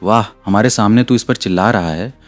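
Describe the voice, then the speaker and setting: A man's voice: on the low side, fairly quick, soft background music, lightly acted. A man voicing a fierce, scolding but doting middle-aged mother in a storybook narration. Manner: scolding, bossy.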